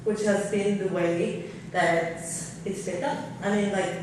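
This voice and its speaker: In a big hotel conference room, a Norwegian panelist at a seminar speaks a little slowly in a mid-range voice with fairly even intonation, offering candid, thinking-aloud remarks full of fillers. Her table mic is far away, leaving the recording noisy and strongly echoey.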